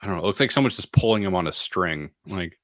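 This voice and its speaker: A man co-hosting a podcast, chatting casually about sports, animated and quick to laugh. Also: deep voice, no echo, clean studio sound. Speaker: podcast co-host.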